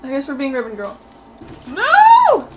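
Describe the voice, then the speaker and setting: A woman reacting live to her gameplay, excitably pleading and yelling at the screen, with faint game music behind her. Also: high voice, slow pace, very noisy. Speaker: gameplay video host. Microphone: desk mic.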